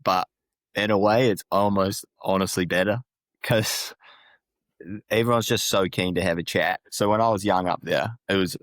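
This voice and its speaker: A young man with a New Zealand accent and a low, deep voice, chatting as a podcast guest. He tells stories in a laid-back way, swears freely and laughs often. The sound is dry and close, with no room echo. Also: steady tone, normal speed, a bit bright. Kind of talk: casual chat.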